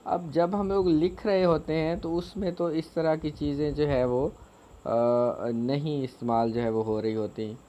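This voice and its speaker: A man teaching a grammar lesson, explaining slowly with many fillers and repeated phrases. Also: fairly high pitch, steady tone, dark tone.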